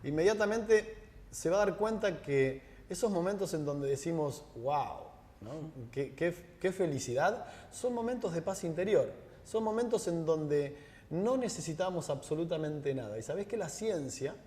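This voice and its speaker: A man's voice: a little high, moderate pace. A man with a Rioplatense Spanish accent, a guest in a conversational interview, telling stories and acting out the dialogue. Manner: animated storyteller, acts out dialogue. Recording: long reverb.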